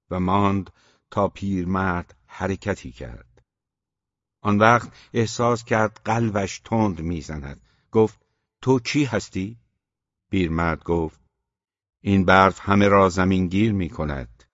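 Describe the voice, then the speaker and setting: A man narrating an audiobook story in a measured, even way. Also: low voice, no echo. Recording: slightly dull, dry recording.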